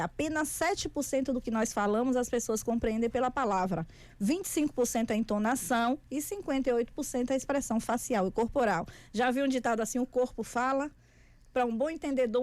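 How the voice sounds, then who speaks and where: A woman author, a bit high for a woman, talks through a studio interview in a teaching manner. She lays out points with numbers and everyday examples, like someone giving a lesson. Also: a little mellow. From Feira de Santana, Brazil. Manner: didactic, explains with figures and examples. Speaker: author and communication guest.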